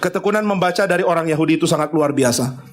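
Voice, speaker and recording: High-voiced man preaching emphatically. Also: racing. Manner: emphatic, conversational preaching with acted-out dialogues. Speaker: pastor. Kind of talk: sermon. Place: church.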